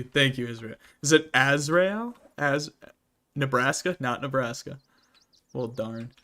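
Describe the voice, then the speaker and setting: Pitched a little high with a sharp tone, this man from the Midwestern US talks in a Midwestern American accent during a gaming livestream. He reads out chat messages, responds to them casually, and laughs a lot.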